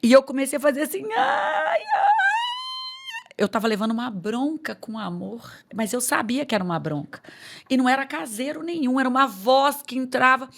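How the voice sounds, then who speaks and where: A woman's voice: sits high, expressive, fast talker, vocal fry, slight background noise. A woman pastor telling her personal testimony in conversation, emotional and acting out the voices she quotes. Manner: emotional storyteller who acts out quoted voices.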